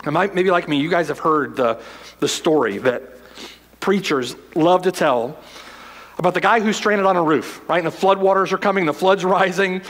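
A male pastor preaching a sermon emphatically, repeating phrases and swinging from loud declarations to hushed lines. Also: sits high, normal speed, in a large hall.

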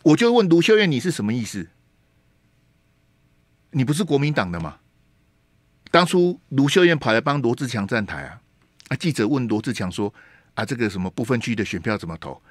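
A man's voice: medium pitch, very animated, a little fast, pauses often, dry recording. A man with a Taiwanese Mandarin accent hosting a radio show, giving emphatic political commentary full of rhetorical questions and dropping in Taiwanese Hokkien words. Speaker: radio talk show host. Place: radio studio. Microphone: studio microphone.

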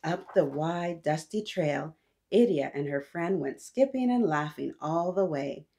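This storytime host, a woman in her thirties, reads expressively to children and talks to them as if they were replying. She speaks a little slowly in a low, dark voice with lively intonation.

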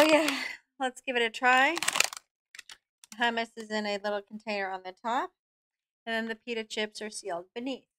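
A middle-aged woman giving a casual product review to camera, speaking informally and haltingly into a desk microphone. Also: a little high, fairly bright tone, no echo. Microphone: desk microphone close in front, seen.

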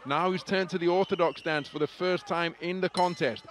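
A man's voice: sits high, steady tone, normal speed, fairly bright tone. A man giving live boxing commentary, fluent and articulate play-by-play with vivid wording.

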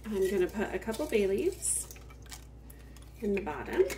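Woman home cook, calm how-to narration, animated pitch, recorded by a distant camera in an echoey kitchen. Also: noisy background. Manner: unhurried step-by-step explaining while working. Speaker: home cook, farmstead channel host. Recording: roomy kitchen sound from off-mic.

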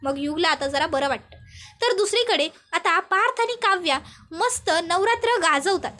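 Woman, serial recap narrator, steady storytelling, very high pitch. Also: moderate pace.

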